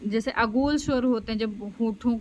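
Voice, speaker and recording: A woman's voice: on the high side, normal speed, warm tone, muffled recording, a little hiss or hum. Woman lecturing with frequent check-ins. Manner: explanatory, frequent fillers and "theek hai" checks. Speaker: special education teacher. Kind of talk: online lecture explaining slides. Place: home.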